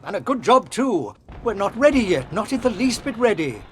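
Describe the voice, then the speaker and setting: A man's voice: sits high, very animated, moderate pace, a bit bright, a little hiss or hum. A man playing a jovial, fussy old British wizard professor in a video game, with an effusive, theatrical, avuncular manner. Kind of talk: video game cutscene acting.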